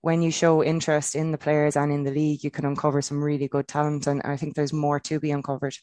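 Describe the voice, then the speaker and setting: Even-toned Irish woman, close dry sound. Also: sits low, quick pace, dry recording. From Kilkenny, Ireland. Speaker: football player and pundit guest. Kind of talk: casual interview discussion.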